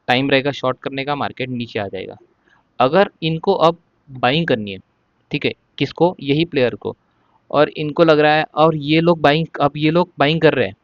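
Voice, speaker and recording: A stock market trading educator walks through trading charts step by step in a casual lesson, often checking in with the listener. His medium-pitched voice is recorded lo-fi with no echo. He repeats "ठीक है" a lot and says he'll speak slowly.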